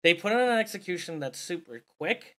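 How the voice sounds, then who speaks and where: A man hosting a casual gaming podcast, chatty and quick to swear and laugh. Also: high-pitched, animated, a bit bright. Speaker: podcast host.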